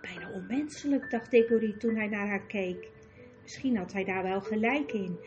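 Calm woman reading an audiobook. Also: fairly high pitch. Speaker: narrator. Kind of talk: audiobook narration.

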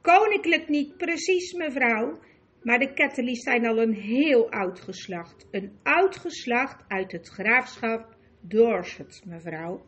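A woman's voice: on the high side, expressive, slow pace, slightly rough, exaggerated voice. A woman voicing a nervous, fawning old male magician who stammers and grovels in an audiobook. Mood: stammering. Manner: stammering, obsequious. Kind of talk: audiobook character voice.

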